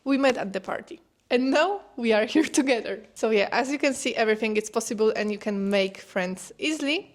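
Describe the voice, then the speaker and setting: A young Polish woman speaking English as a second language in a relaxed, chatty way. Her voice sits a little high, and she often breaks into laughter. Her phrasing has the small slips of a non-native speaker. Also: a little fast. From Poland. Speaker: co-host. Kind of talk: casual chat.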